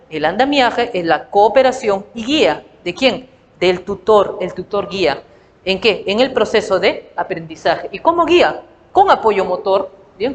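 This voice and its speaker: A woman teacher lecturing on psychology. She speaks with a Peruvian Spanish accent and explains through rhetorical questions and acted everyday examples. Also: mid-range voice. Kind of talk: recorded lecture. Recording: reverberant room with faint noise.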